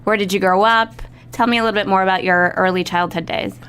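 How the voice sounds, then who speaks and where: A woman's voice: medium pitch, steady tone, quick pace, fairly bright tone, clear, resonant tone. A woman hosting an interview podcast, reading an upbeat scripted intro and then chatting with her guest. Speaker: podcast host.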